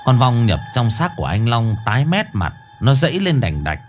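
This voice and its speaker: Lively male horror storyteller. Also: mid-range voice, normal speed, soft background music. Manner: colloquial, crude, dramatic.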